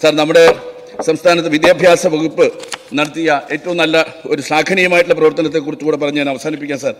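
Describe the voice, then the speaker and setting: Fast-talking man orating in a hall. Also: a little high, little pitch movement. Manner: emphatic oratory, repeatedly addressing the chair as sir. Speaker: legislator. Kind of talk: assembly floor speech. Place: large legislative assembly hall.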